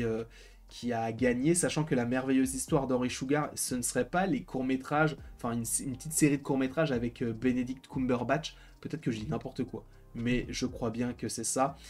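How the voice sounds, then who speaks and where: A man's voice: mid-range voice, a little mellow. Hesitant man talking over faint music. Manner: hesitant, many fillers and restarts. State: a bit tired. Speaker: film commentator. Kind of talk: casual commentary.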